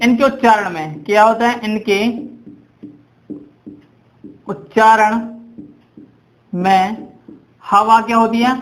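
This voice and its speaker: Young guy teaching grammar, really high voice, asks and answers his own questions, slow dictation bits. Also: a bit bright. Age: young adult. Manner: asks questions and answers them himself, repeats key words; drawn-out dictation while writing. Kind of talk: Hindi grammar lesson.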